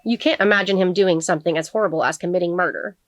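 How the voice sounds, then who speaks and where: A woman voicing a sharp, relentless female prosecutor who presses a witness with pointed, needling questions. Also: fairly low pitch, fast, no room sound, natural voice. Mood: pressing. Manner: pointed, needling cross-examination.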